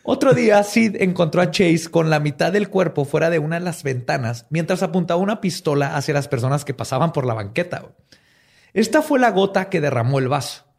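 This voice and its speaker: A man's voice: fairly high pitch, expressive, a little fast, vocal fry, a little mellow. Slangy Mexican man telling a story. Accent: Mexican Spanish. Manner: jokey, slangy, laughs often. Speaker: podcast host. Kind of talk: casual storytelling chat.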